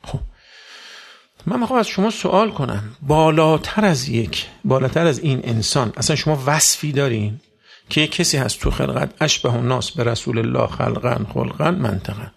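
A man preaching a sermon to a religious gathering, asking rhetorical questions and rising sharply in pitch and volume. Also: expressive, creaky, breathy edge. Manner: rhetorical questions, sudden loud rises in pitch.

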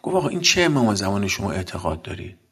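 A man's voice: lowish voice, sing-song, a bit bright, husky. A man giving a blunt sermon, telling combative anecdotes and acting out the dialogue.

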